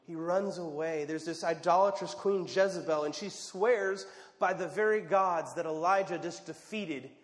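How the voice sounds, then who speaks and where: Male pastor, fairly high voice, dramatic storytelling sermon, long church reverb. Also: normal speed. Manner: dramatic, drops to a hush for quiet moments. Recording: long reverb of a large hall.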